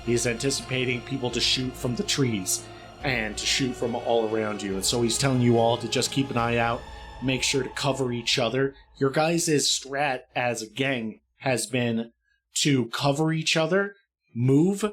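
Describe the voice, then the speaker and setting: A man's voice: mid-range voice, measured pace, soft background music. Man narrating a tabletop game. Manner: calm, descriptive storytelling. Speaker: game master.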